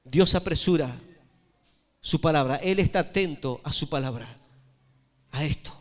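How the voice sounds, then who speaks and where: Male pastor, high-pitched emphatic preacher, church with long reverb. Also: a little slow. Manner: emphatic preaching with repeated phrases and questions to the congregation. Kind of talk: sermon.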